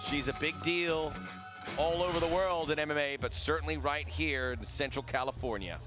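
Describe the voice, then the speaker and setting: A man's voice: a little high, normal speed. Male fight commentator over music. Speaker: play-by-play commentator. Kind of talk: live MMA broadcast commentary.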